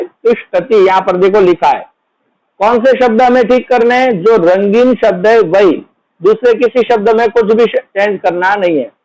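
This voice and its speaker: Guy teacher going over school exercises, kinda high voice, takes it slow, repeats the answers back. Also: darkish tone, rough recording. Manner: explains each answer, then repeats it as a question. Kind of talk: worksheet lesson for children.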